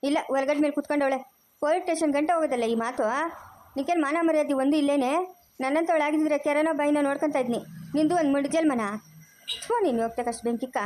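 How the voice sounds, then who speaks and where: Woman playing an older village mom, high voice, scolds fast. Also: fairly even intonation, close to an everyday voice. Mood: scolding. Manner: scolding, fast and sharp-tongued. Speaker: mother in a family drama. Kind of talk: village family drama acting.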